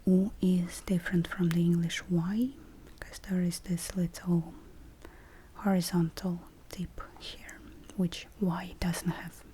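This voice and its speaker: Slow soft-whispering woman teacher. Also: lowish voice, little pitch movement, a little hiss or hum. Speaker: language teacher. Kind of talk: whispered role-play.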